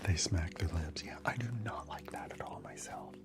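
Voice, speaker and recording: A man's voice: low-pitched, normal speed, music in the background. A man whispering casually through an ASMR livestream, chatting with viewers and answering their comments between snacks.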